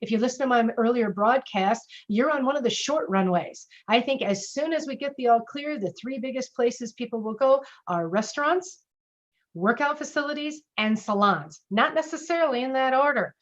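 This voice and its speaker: A middle-aged woman with a fairly high voice, coaching an audience in a lively, chatty way and slipping into sample phrases as she goes. The sound is dull and lo-fi, like an online broadcast. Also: normal speed. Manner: lively, conversational, acts out sample lines. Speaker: speaker and customer service trainer. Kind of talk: casual webinar teaching.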